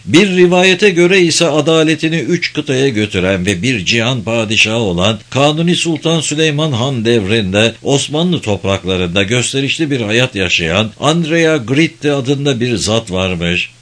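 A man narrating an audiobook in a measured storytelling manner. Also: medium pitch, expressive, fairly bright tone.

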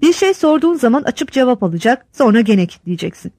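A blunt old village headman holds forth with homespun sayings, as a woman reads him aloud. His voice sits fairly high and swings widely in pitch. The sound is close and dry. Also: very animated, fast, dark tone, breathy edge, no echo, full character voice. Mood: lecturing. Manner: lecturing, folksy sayings.

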